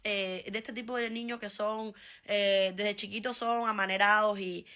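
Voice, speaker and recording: A Cuban woman vlogger telling a funny personal story in a lively, animated way, laughing and acting out voices. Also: mid-range voice, measured pace. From Cuba. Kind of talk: casual storytime.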